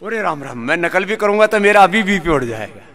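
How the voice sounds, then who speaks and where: A man leading a live yoga class, giving instructions and lively talks on health while joking with the group. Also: high-pitched, a little fast. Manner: lively, sings verses, jokes with class. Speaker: yoga teacher.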